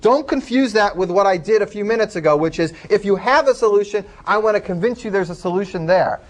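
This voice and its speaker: A man's voice: sits high, fast talker. A man lecturing a class, explaining step by step and taking student questions.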